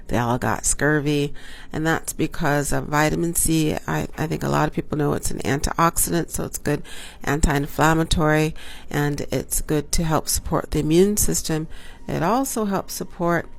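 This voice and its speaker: Nursing a cold, the doctor who hosts this health show speaks to camera in a relaxed, informative way, her low voice gravelly and congested. She pauses often, says um a lot, fixes her own words, and coughs from time to time.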